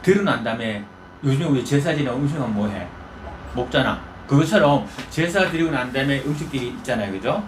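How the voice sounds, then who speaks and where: A man's voice: mid-range voice, lively intonation, quick pace, slight background noise. A male pastor preaching in a folksy storytelling manner, often asking the congregation questions. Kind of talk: conversational sermon.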